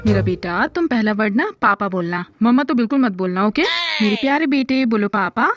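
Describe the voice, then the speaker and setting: A woman's voice: mid-range voice, expressive, brisk, muffled recording, close to an everyday voice. A woman voicing a tired young father who grumbles and pleads to be left to rest, in a fan audio drama. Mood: exasperated. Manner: whiny complaining, pleading. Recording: background music under the voice. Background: loud background music.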